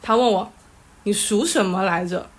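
A woman guest on a casual chat show, telling a story in an animated, exasperated way and often breaking into laughter. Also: medium pitch, normal speed, husky. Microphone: live audio chat app.

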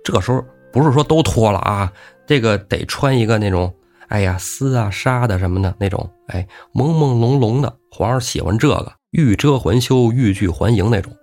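A man's voice: fairly low pitch, lively intonation, moderate pace, a little mellow, soft background music. A man hosting a humorous storytelling show, chatty with joking asides. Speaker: storyteller host.

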